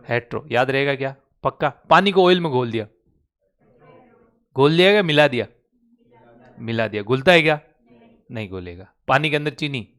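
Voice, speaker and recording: Recorded in an online class, this chemistry lecture comes from a man whose voice is fairly high and a bit bright. He teaches in Hindi with a Rajasthani accent and repeatedly quizzes students using call-and-response questions.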